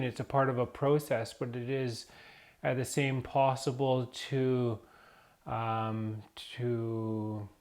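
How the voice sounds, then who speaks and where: A man talks off the cuff to his camera in a vlog, circling his thoughts with fillers and restarts. He speaks slowly at an ordinary, middling pitch. A cough from dust sits in his voice. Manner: rambling, hesitant, many fillers and restarts. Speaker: vlogger. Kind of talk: unscripted vlog talk.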